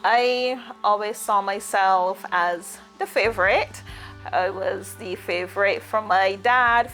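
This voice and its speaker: A Barbadian woman telling her personal life story in a reflective, unhurried way, pausing often and using fillers. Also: medium pitch, a bit bright. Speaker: guest.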